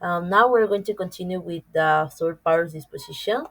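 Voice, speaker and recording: A woman giving a class presentation, reading her part haltingly, with fillers and restarts. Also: fairly low pitch, fairly bright tone, rough recording. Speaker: student presenter.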